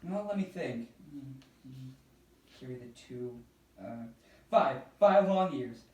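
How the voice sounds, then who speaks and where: Man voicing an excitable childlike bird, swooping pitch. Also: slow pace, background noise. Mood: earnest storytelling. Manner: childish, self-important, earnest. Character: excitable childlike male birthday bird puppet. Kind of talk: children's puppet skit. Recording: echoey room, distant mic.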